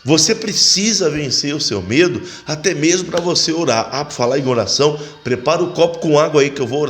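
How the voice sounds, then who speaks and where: A pastor delivers a sermon, urging his listeners on and reading scripture aloud. The man's voice sits a bit high. His pitch swings widely as he exhorts. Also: a bit bright. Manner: exhorting, repeats phrases, reads scripture aloud.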